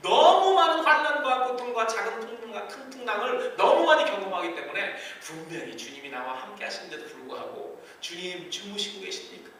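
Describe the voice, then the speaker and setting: Bright-voiced pastor preaching in an echoey hall. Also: male voice, high voice, big pitch swings, brisk, hardly any pauses, slight background noise. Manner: dramatic swings between soft and loud delivery. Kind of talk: sermon. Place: church sanctuary. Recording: echoey church hall, mic at a distance.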